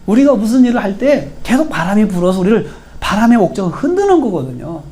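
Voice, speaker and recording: Animated pastor preaching with swings in emphasis. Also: male voice, high voice, fast talker, a little hiss or hum. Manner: emphatic, rising to stressed peaks then dropping to near-whispers. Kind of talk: expository sermon.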